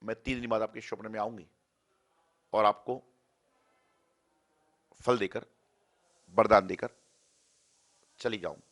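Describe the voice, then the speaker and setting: A man voicing a calm, wandering goddess of wealth inside a told story, in a gentle, steady delivery. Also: fairly low pitch, takes it slowly, pauses often.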